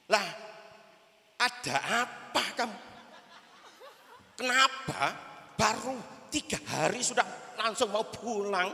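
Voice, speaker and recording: A man's voice: sits high, lively intonation, takes it slowly, gravelly, long pauses, pushed and bright, pitched above the performer's own voice, exaggerated voice. A man playing an older male boarding-school teacher who scolds and coaxes a homesick student. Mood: coaxing scold. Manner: scolding, coaxing. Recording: echoey hall.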